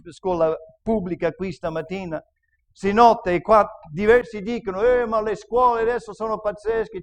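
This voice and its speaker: A man's voice: high-pitched, slight background noise. A male pastor giving a sermon at a church service, preaching and praying in an earnest, fervent way. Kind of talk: sermon with Bible reading and prayer.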